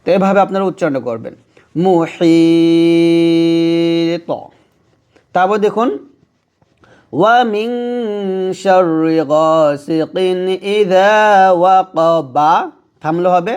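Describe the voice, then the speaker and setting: A man with a Bangladeshi Bengali accent and a high-pitched, clear, resonant voice teaches Quran recitation rules step by step. He explains each rule, then chants the verse in a slow, drawn-out way.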